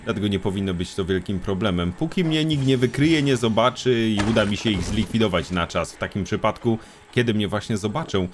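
A man's voice: lowish voice, brisk, few pauses, slight background noise. A young man giving casual let's-play commentary, talking to enemies, joking and swearing a lot. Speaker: gameplay streamer.

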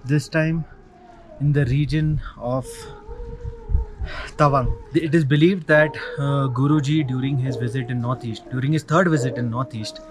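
A man's voice: mid-range voice, steady tone, normal speed, a little hiss or hum, poor audio. A man with an Indian English accent, narrating his travel vlog with enthusiasm and recommending places to viewers. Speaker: travel vlogger. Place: outdoors in windy mountains. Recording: music playing behind.

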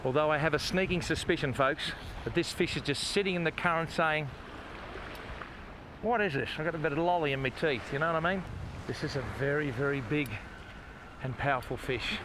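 An older Australian man hosts a fishing show from a sandy beach by the sea, giving enthusiastic commentary to viewers in a folksy, exclamatory style. His voice is fairly high and a little fast, and wind and water noise fills the outdoor recording.

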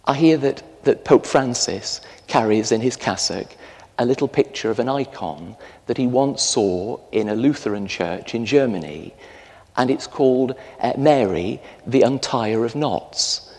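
A middle-aged Englishman preaches a sermon in a large stone church, telling stories with animated gestures. His voice sits at an ordinary male pitch. The sound rings with the long reverb of the church, picked up from a stand mic some distance away. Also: measured pace. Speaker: parish priest.

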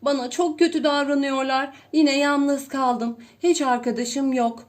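A woman's voice: high voice, fairly even intonation, unhurried. A woman voicing a naive, lonely baby duckling in a storybook, plaintive and whimpering. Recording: roomy echo.

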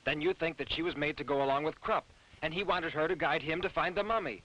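A curious sidekick, always asking and proposing ideas. His tone is bright and fairly high, in the manner of old film dubbing. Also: fast, dull audio. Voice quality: questioning, eager. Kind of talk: 1950s dubbed film dialogue.

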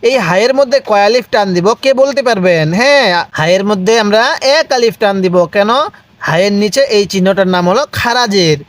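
A man teaching Quran recitation step by step, spelling out letters and vowel marks, then reciting slowly and asking viewers to repeat after him. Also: sits high, dry recording. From Bangladesh. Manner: asks viewers questions, then answers them himself.

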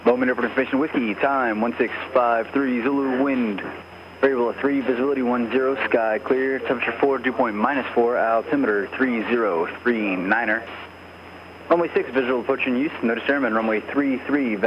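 Guy reading the airport weather loop quick and flat, dull radio sound, lots of static. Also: medium pitch. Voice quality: steady, clipped reading of weather figures. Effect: recorded airport weather broadcast heard over aircraft radio. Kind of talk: looping automated airport information broadcast. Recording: muffled, noisy aircraft radio.

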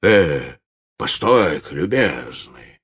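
A man voicing a fat, pompous doctor who talks down in a bossy bass. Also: sing-song, drawn-out words, fairly bright tone, breathy edge, full character voice. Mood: pompous menacing. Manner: condescending, booming.

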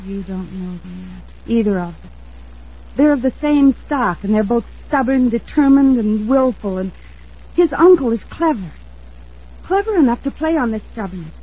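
In an old-time radio drama, an actress voices an earnest, anxious young woman who defends her sweetheart, her delivery dramatic and hesitant and her mood urgent and worried. Her voice is on the high side, animated and slightly rough, at normal speed, on a dull old recording.

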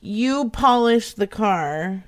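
A woman's voice: medium pitch, animated, very slow. A young woman hosting a live prank call show, talking casually and bluntly with giggles. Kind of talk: live-streamed prank calls.

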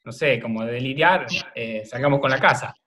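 An Argentine man, a video maker, answering interview questions in a relaxed, rambling way full of fillers. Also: mid-range voice, normal speed. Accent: Argentine Spanish. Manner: rambling, thinks aloud with many fillers. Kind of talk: casual remote interview conversation.

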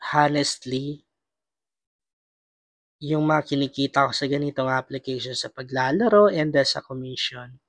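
A man's voice: medium pitch, unhurried, long pauses, no room sound. A young Filipino man hosting a casual gaming vlog, his voice strained by a cough. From Philippines. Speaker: vlogger and host.

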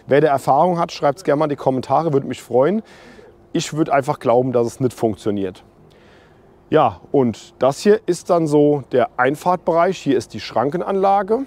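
A man in his forties with a fairly high, slightly mellow voice strolls around a campground at a normal pace, casually telling viewers what it has to offer. The camping vlogger is chatty and opinionated, speaking straight to his audience in a walk-and-talk review. He wears a small clip mic on his hoodie and holds the camera at arm's length.

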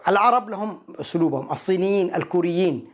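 A man teaching an English pronunciation lesson, explaining each point and repeating words slowly to model them. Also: high-pitched.

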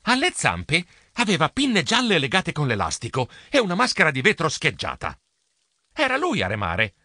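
A male storyteller reads a children's adventure in a playful, animated way, his pitch bouncing widely. His voice is bright and a little high. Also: normal speed, dry recording. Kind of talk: children's audiobook narration.

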